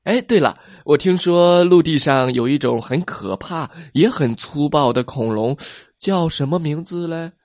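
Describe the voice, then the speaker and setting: A man voicing a gentle, kind male sea reptile who speaks eagerly and warmly. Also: fairly high pitch, measured pace, hardly any pauses, no echo, clean studio sound, voice pushed up, lightly acted. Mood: friendly.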